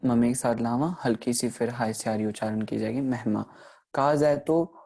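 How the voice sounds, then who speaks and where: Male teacher, warm low-toned delivery, patient step-by-step explaining with frequent check-ins. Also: gravelly. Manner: patient explaining, checks in often with "theek hai"; slows down to sound out example words. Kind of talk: recorded online grammar lesson.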